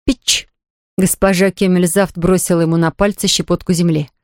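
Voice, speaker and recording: A woman narrating a children's storybook with a lively, expressive delivery. Her voice sits slightly low, and the recording is dry and close with no room sound. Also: fairly quick, dry recording. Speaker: audiobook reader.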